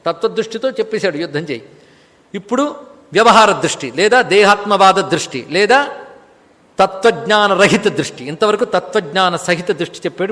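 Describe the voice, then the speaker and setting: A man's voice: high voice, fairly bright tone. A man giving a religious discourse, posing rhetorical questions and reciting verses. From India. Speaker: spiritual discourse speaker. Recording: long reverb of a hall.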